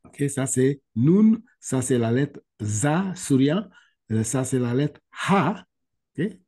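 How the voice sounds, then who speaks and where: A man teaching Quran letter reading over a video call, patient and repeating sounds slowly for his student. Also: medium pitch, animated, dark tone. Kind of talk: online one-on-one lesson.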